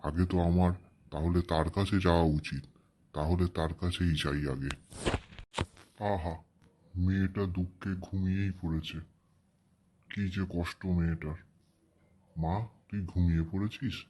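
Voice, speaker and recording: A man acts out a benevolent Santa from a cartoon tale. His voice is deep and low. He speaks in a fatherly, reassuring way, as if soothing an unhappy child. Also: steady tone, measured pace, long pauses, slight background noise. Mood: concerned. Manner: gentle, reassuring. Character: kindly, fatherly male Santa Claus comforting a child. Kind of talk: cartoon story dialogue.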